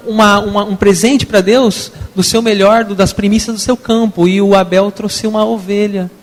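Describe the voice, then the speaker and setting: A man's voice: high voice, darkish tone. A man with a Brazilian Portuguese accent teaching an evening theology class. He talks conversationally and keeps asking his listeners questions. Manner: conversational, asks the class questions, frequent tag questions. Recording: long hall reverb.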